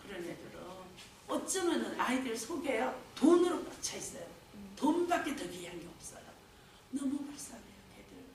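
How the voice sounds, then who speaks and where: A middle-aged woman who directs a care home tells stories at a faith lecture, lively and often laughing. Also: a little high. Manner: lively storytelling with frequent laughter. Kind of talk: lecture at a faith talk series. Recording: very echoey hall, distant mic, noise.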